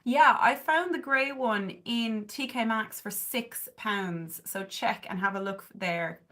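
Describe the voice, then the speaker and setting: Her slightly high, somewhat bright voice moves at a slow pace as this chatty woman from southern Ireland does a makeup livestream in her bedroom. Filmed close up on a webcam or phone camera, she reads viewer comments, rambles with frequent "like" and "um," and coos at her cat.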